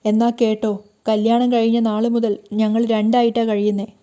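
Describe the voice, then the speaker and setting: A woman's voice: fairly high pitch, level tone, moderate pace, warm tone, clear, resonant tone, natural voice. A woman voicing a hurt, tearful young married woman who pleads and scolds.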